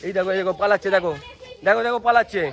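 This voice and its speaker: Man vlogger, high voice, eager and chatty, filming outdoors on a handheld phone. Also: very fast. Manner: excited, repeatedly urging viewers to look. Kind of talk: casual vlog narration. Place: outdoors at a family Holi celebration.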